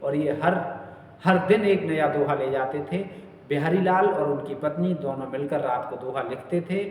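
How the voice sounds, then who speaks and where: A man's voice: a little high, moderate pace. A man teaching Hindi literature for exam prep, asking questions and answering them himself. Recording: echoey room, voice far from the mic.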